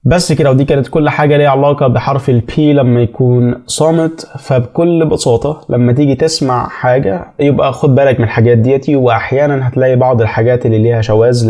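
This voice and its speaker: A man with an Egyptian Arabic accent teaching an English pronunciation lesson, explaining step by step and repeating sounds slowly to demonstrate them. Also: mid-range voice, steady tone, mellow.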